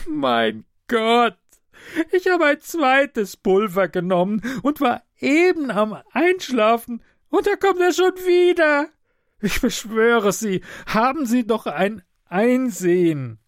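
A man's voice: extremely high pitch, lively intonation, takes it slowly, no room sound, clean studio sound, voice pushed up, heavily acted. A man voicing a frail, sickly older male train passenger who complains in a tearful, whining way. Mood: pleading.

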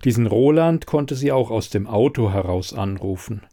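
A man reading an audiobook chapter in a calm, measured scripted narration. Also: lowish voice.

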